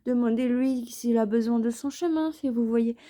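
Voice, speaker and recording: A woman's voice: on the high side, normal speed, dark tone. A woman giving a casual astrology and tarot reading, chatty and playful, often repeating her phrases. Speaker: tarot reader.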